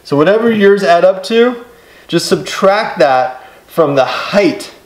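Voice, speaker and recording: A middle-aged man giving relaxed, step-by-step how-to instructions while building in his home workshop. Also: high voice, takes it slowly. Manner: relaxed, step-by-step explaining with casual fillers. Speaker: DIY builder. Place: home woodworking garage workshop. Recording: echoey workshop with clear background noise.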